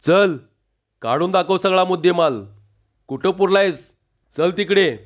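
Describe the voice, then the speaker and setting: Casting: a man playing a bossy skinny village cop, gruff and commanding, slightly high voice, dull recording. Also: unhurried. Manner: gruff, bossy, mock-official police tone. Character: bullying skinny village police constable, man.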